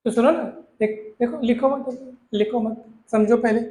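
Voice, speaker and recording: A man's voice: extremely high pitch, measured pace, warm tone. A male maths teacher, explaining a lesson in a coaxing way, repeating points and asking his students questions. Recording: echoey room.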